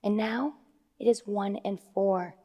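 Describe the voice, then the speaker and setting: A woman's voice: medium pitch, steady tone, takes it slowly, over loud music. A woman who is a life coach, giving an earnest talk to an audience and stressing figures. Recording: long hall reverb.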